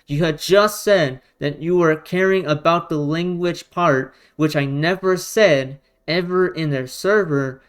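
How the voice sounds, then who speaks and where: An online video commentator, a man whose first language is Romanian or Russian, delivers a combative, argumentative response. His voice is clean, smooth and fairly high, and he sounds exasperated as he drives home his points with emphatic rhetorical questions.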